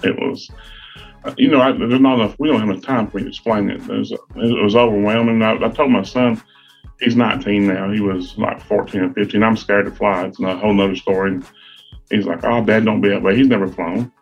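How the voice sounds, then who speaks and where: Casting note: middle-aged man, husky and low, folksy storyteller, muffled audio. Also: fairly even intonation, fairly quick, soft background music. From Virginia. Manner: folksy, self-deprecating storyteller. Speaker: guest co-host, sales rep. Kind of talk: casual podcast chat.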